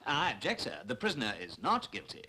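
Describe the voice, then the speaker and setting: An actor playing an argumentative naval defence officer, quick to object. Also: male voice, mid-range voice, wildly swooping pitch, bright, forceful tone, slight background noise, low-quality recording. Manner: argumentative, indignant. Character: hot-headed male naval defending officer.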